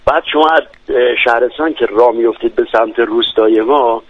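A man's voice: mid-range voice, slightly rough, no echo. A man from Lorestan, a radio guest who describes his home village eagerly, with frequent hesitations. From Lorestan, Iran. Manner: enthusiastic, descriptive, many hesitations. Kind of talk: radio interview. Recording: dry, dull lo-fi radio sound.

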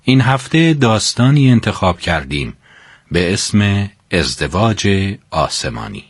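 A man narrating a religious story in an expressive, dramatic storytelling manner. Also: on the low side, slightly rough, no echo, clean studio sound.

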